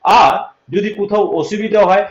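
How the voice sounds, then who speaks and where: Male teacher, livestream lesson: high voice, repeats points and quizzes listeners, in a roomy, lo-fi recording. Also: level tone, moderate pace. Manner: repeats points, checks understanding with questions. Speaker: English teacher. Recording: echoey room, dull lo-fi sound.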